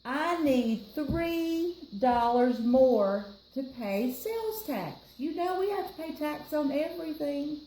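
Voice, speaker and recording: Reading a picture book to kids at library storytime, an American woman speaks in a high, expressive, warm voice, taking it slowly with few pauses. Along the way she chats and explains, addressing the listeners and a co-reader, amid roomy echo and faint background noise.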